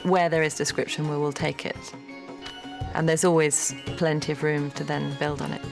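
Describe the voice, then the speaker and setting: A woman's voice: low-pitched, little pitch movement, normal speed, gravelly. A woman film designer speaking in an interview, explaining her process methodically. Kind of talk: interview reflection. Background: music.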